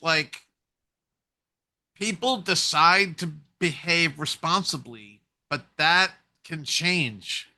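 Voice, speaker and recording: Bright-voiced man musing in casual chat. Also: a little high. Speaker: co-host. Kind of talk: casual conversation.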